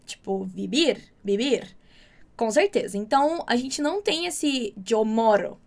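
A woman from Brazil giving a chatty, upbeat Spanish lesson, drilling words slowly and repeating them. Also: on the high side, animated, creaky, darkish tone. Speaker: Spanish teacher. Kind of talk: casual online language lesson.

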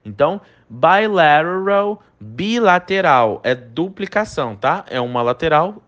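Lively man teaching English pronunciation. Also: on the high side, highs cut off. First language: Portuguese. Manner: lively, repeats English words slowly for pronunciation drills. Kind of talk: online language lesson.

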